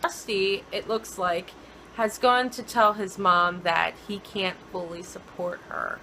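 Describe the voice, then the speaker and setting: A woman's voice: mid-range voice, steady tone, takes it slowly, bright, forceful tone, a little hiss or hum, low-quality recording. A woman co-hosting a casual TV recap chat, talking chattily and mimicking characters playfully. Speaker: podcast co-host.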